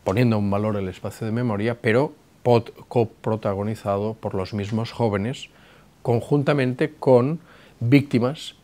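A middle-aged man giving a formal talk to camera from his office, speaking in a measured way with frequent hesitations, on a lapel mic. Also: lowish voice, a little mellow. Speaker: director of a memorial institution, giving a talk. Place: office with a flag behind him.

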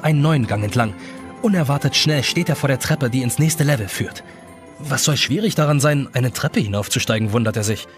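A man reading an audiobook as narrator, telling the story expressively. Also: mid-range voice. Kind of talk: scripted narration.

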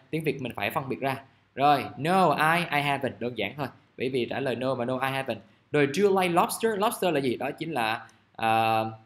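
A man, teaching English grammar in a casual, chatty way and reading example sentences out slowly. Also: medium pitch. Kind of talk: casual classroom explanation. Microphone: recording device at his desk.

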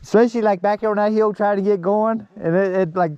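A man's voice: high-pitched, fairly even intonation, fast, muffled recording, a little hiss or hum. A man chatting and joking out of breath while riding a mountain bike trail outdoors. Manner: laughing, joking, thinking out loud. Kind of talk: casual chat while riding.

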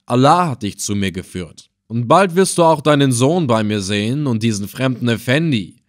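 A man voicing a cruel, scornful male slave trader in an audiobook, threatening and loud. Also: mid-range voice, animated, normal speed, close to an everyday voice. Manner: sneering, threatening. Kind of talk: audiobook character voice.

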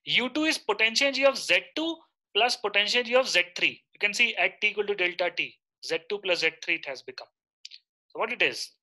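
A man's voice: high-pitched, lively intonation, fast talker, bright, forceful tone. A man in his thirties with an Indian accent, teaching a live online lecture and often checking in with short questions.

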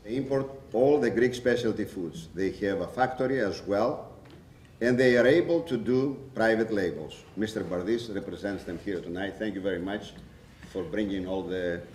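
Older guy emceeing a panel, low voice, echoey distant sound. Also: moderate pace, a little mellow. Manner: formal, emcee-style introductions. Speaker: panel moderator. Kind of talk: introducing speakers. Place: large restaurant function room. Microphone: table mic on a stand, camera at a distance. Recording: roomy, distant, faint room noise.

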